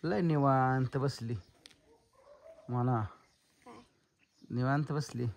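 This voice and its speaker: A man's voice: mid-range voice, steady tone, slow pace, vocal fry. A man vlogging at his village home outdoors, coaxing and scolding the children and calling out to them. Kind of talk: casual family vlog.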